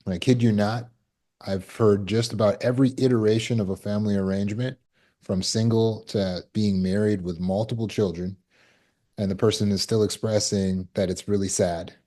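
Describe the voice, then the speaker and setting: A man gives a self-help talk as a trauma recovery coach, his voice pitched a little low. The tone is mellow and relaxed. He keeps it conversational and acts out little scenes and quotes as he talks. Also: normal speed.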